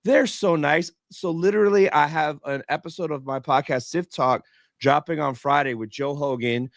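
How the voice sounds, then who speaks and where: A man's voice: a little high, moderate pace, creaky, no room sound, studio quality. A man hosting a fan podcast, chatting casually with slangy, informal wording and repeated emphasis. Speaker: podcast host. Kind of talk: casual chat.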